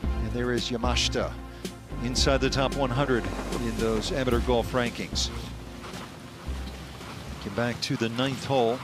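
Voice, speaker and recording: A man giving live golf commentary as a broadcast host, with polished, measured announcing. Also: mid-range voice, fairly even intonation, over music.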